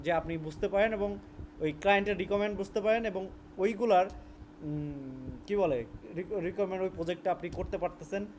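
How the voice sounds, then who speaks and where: A man's voice: high voice, a little mellow, a little hiss or hum. A young Bangladeshi man with a Bangladeshi Bengali accent, teaching a casual spoken lesson and mixing English words into his Bengali, often restarting his words.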